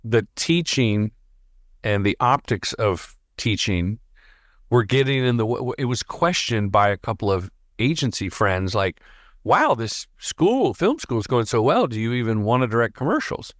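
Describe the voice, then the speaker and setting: A man's voice: medium pitch, lively intonation, normal speed, fairly bright tone, no echo, clean studio sound. A man hosting a podcast interview in casual chat, rambling and talking a mile a minute. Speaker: podcast host.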